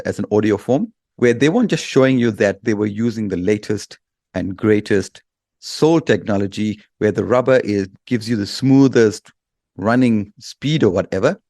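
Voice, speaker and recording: A man appears as an expert guest in an interview, explaining things through examples in a blunt, emphatic way. His voice is on the low side with a darkish tone and moderate pace, captured in a dry, studio-quality recording.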